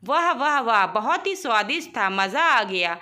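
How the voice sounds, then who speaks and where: A woman playing a cheerful, gluttonous young wife from a storybook, high and bright, gushing over food. she pleads sweetly when she is scolded. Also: big pitch swings, normal speed. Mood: greedy.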